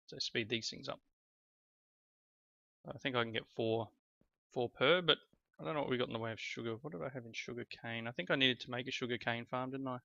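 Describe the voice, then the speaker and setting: Medium in pitch, pushed and bright with vocal fry, this man's voice has no room sound. While coming down with a cold, the let's play host chats through a game in rambling, self-correcting casual commentary, recorded slightly dull and lo-fi with faint background music.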